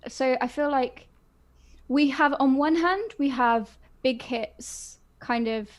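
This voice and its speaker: Speaking slowly in a high voice, a woman co-hosts a relaxed fan podcast. She's full of gushing enthusiasm and uses plenty of fillers.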